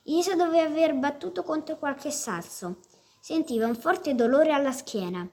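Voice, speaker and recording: A woman reading a story aloud with steady expression. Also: sits high, moderate pace. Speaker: reader.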